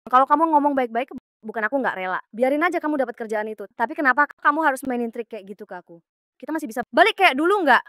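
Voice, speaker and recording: A woman's voice: sits high, expressive, fast, fairly bright tone, no room sound, studio quality. An actress dubbing a defiant young woman accountant who answers with biting, sarcastic retorts. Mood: hurt. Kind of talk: dubbed short drama.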